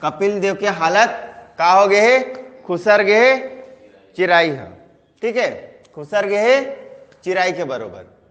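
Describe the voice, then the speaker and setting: A man's voice: high voice, sing-song, slow pace, a bit bright, big-room sound. A male teacher with a Chhattisgarhi accent, giving an online class and quizzing students with repeated call-and-response chants. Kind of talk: online class mnemonic lesson.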